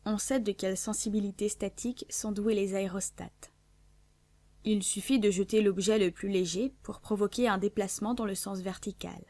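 A woman narrating a classic adventure novel in a measured, clear literary reading. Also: medium pitch, steady tone, mellow, dry recording. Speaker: audiobook narrator.

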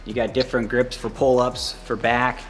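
A man's voice: mid-range voice, flat delivery, faint music behind. A man, a college wrestling coach, giving a casual tour of his facility and filling his talk with "you know" and "um". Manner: rambling, fills every pause with "you know" and "um".

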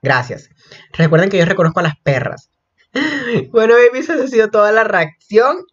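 Shrieking, excitable young man, lo-fi. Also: high-pitched, moderate pace, breathy edge. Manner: excitable, gossipy, bursts into shrieks. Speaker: reaction vlogger. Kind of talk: casual reaction commentary.

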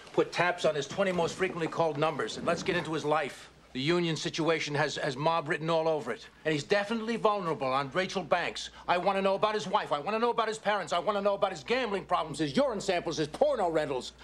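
A ruthless, fast-talking intelligence official. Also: male voice, a little high, expressive, a bit bright. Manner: cold, driven, intense. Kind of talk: film dialogue.

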